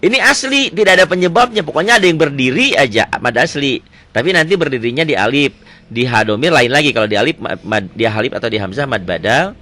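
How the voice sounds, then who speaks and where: Man, recitation teacher, quizzing student, bright forceful voice, animated intonation. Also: medium pitch. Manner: quizzing with rapid repeated questions. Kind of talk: one-on-one tajwid lesson.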